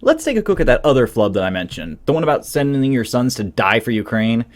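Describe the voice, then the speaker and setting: A man's voice: medium pitch, expressive, quick pace. A man hosting a political commentary show, delivering a scripted monologue with sarcastic, mocking asides.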